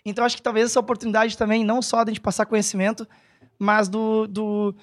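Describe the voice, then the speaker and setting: A man speaks as a podcast guest. His talk is casual and meandering, often pausing to search for a word and correct himself. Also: high voice, flat delivery. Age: 30s. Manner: rambling, hesitant, self-correcting. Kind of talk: casual chat.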